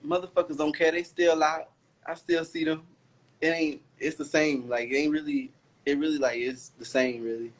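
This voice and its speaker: A man's voice: fairly high pitch, little pitch movement, normal speed, low-quality recording. A young man from Florida calling into a livestream, talking in a loose, slangy, rambling way. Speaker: caller on a livestream. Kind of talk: casual chat.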